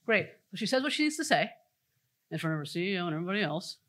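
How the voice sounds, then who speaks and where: A woman giving an energetic conference talk, telling stories and speaking straight to the audience. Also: fairly low pitch, racing. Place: conference stage before an audience.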